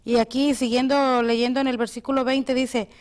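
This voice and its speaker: A woman's voice: high-pitched, little pitch movement, moderate pace, a little mellow. A woman co-hosting a devotional show, steadily explaining and reading Bible verses aloud. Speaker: co-host.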